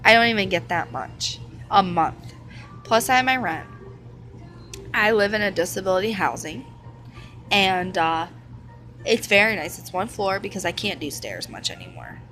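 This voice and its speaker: A woman's voice: medium pitch, lively intonation, moderate pace, bright, forceful tone, soft background music, poor audio. A young woman in her twenties talking candidly and casually about her life, rambling with fillers and restarts. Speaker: vlogger sharing her illness. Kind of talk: casual personal talk to camera.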